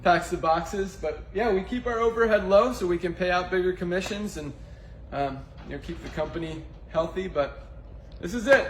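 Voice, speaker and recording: A man giving a casual, low-key, matter-of-fact tour as a company owner, in an echoing warehouse. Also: normal speed. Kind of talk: casual walk-through tour talk. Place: indoors, office and warehouse. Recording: echoey warehouse, background noise.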